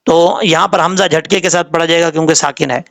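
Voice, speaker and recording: A man teaching Quran recitation. He spells out syllables slowly, explains quickly in between, and chants verses in a raised, drawn-out tone. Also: on the high side, fairly even intonation, creaky, fairly bright tone. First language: Urdu. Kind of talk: Quran tajweed lesson.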